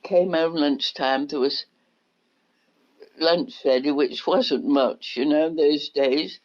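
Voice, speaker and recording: An older woman, reminiscing in an oral history interview as an unhurried storyteller. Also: low voice, darkish tone. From England. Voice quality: unhurried storyteller, acts out quotes. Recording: dull lo-fi recording.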